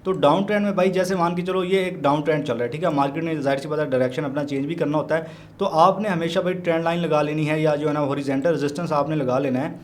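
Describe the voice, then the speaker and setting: Guy explaining trading charts, slightly high voice, chatty, keeps saying brother and repeating stuff. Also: fast talker, a little hiss or hum. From Pakistan. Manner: repeats points to drive them home. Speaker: trading teacher. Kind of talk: chart walkthrough tutorial.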